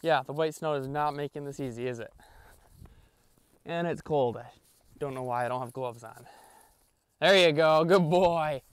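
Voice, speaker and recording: A man's voice: medium pitch, normal speed, long pauses, smooth, no room sound. A young man vlogging outdoors in a park as he trains his puppy, switching between casual talk to viewers and upbeat praise and commands for the dog.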